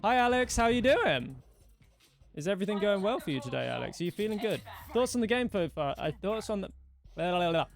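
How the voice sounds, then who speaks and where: A young man live-streams a game with a high-pitched, creaky voice, quick pace, and lively intonation, and he is losing his voice. He rambles casually, talks to chat, and thanks followers by name while playing.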